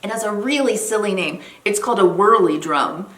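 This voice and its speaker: A woman's voice: mid-range voice, brisk, a bit bright. A woman leading an interactive lesson for young children in an encouraging, sing-song kindergarten teacher voice. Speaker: children's library program presenter. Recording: roomy echo, faint background noise.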